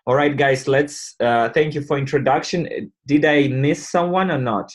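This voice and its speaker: A man of ordinary pitch hosts an online community call. He explains things step by step in a halting way, often stopping to restart. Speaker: host presenting a crypto wallet.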